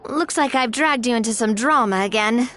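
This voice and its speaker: A woman's voice: a little high, normal speed, fairly bright tone, a little hiss or hum, natural voice. A woman playing a polite, principled young woman leader in a video game, composed yet firm. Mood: weary, explanatory. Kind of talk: animated game voice acting.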